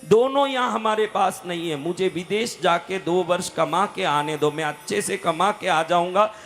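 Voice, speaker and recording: A man's voice: moderate pace, a bit bright. Man doing a poor earnest husband. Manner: earnest, lowered, pleading. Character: poor humiliated husband pleading to leave.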